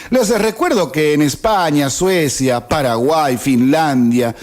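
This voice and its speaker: A man's voice: a little high, slow pace, soft background music. A man in his fifties with an Argentine accent, reading a sarcastic opinion editorial on radio. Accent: Argentine Spanish. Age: 50s. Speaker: radio host. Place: radio studio.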